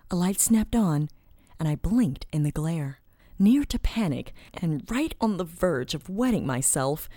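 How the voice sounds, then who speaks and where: A woman reads a first-person story aloud with dramatic expression, her fairly low voice swinging widely in pitch. She often sinks into a hushed whisper mid-sentence. The recording is close and dry. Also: no echo.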